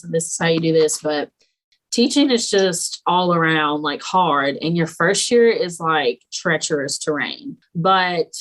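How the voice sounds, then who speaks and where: A young woman teacher, a podcast guest talking candidly and telling animated stories. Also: fairly low pitch, poor audio. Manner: candid, animated storytelling with quoted asides. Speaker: podcast guest, sixth grade English teacher. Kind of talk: casual chat.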